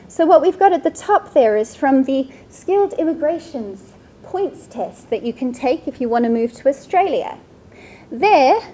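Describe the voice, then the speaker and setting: A woman's voice: sits high, dark tone, breathy edge. A woman from Sweden, around her thirties, giving a seminar talk about slides in a conversational way, often checking in with the audience by asking "right?". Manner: conversational, frequent tag "right?". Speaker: seminar speaker. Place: lecture room.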